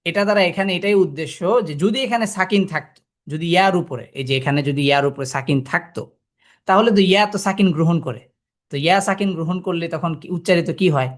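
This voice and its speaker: A man's voice: fairly high pitch, quick pace. Man teaching Quran reading. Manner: explains step by step, asking the listeners rhetorical questions; sounds out letters and syllables to demonstrate. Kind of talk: classroom lesson.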